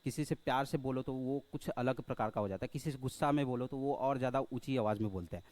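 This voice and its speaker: A man's voice: mid-range voice, fast talker, darkish tone, no room sound. A man teaching a spoken lesson, hesitant and full of filler sounds, who keeps checking in with the class and calls his listeners brother. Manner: checks in often with rhetorical questions, addresses listeners as brother. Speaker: English teacher.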